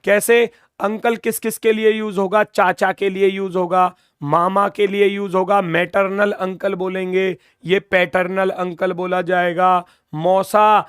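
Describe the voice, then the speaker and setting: A man's voice: sits high, fairly bright tone, clear, resonant tone, no room sound, clean studio sound. A young man teaching an exam-prep lesson, patiently repeating key terms and asking his students questions. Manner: addresses viewers as brother, jokes casually.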